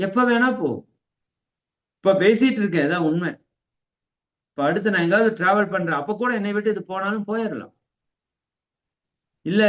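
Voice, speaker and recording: Tamil man giving a teacherly spiritual lecture. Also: fairly high pitch. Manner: teacherly, asks "right?" to check understanding; slows down to recite key verses.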